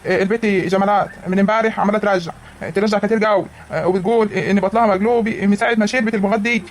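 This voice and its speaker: A man's voice: sits high, fairly even intonation, racing, lightly acted. A man with an Egyptian accent voicing a practical middle-aged village husband in a cartoon comedy, plain and matter-of-fact. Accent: Egyptian Arabic. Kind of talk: animated cartoon acting.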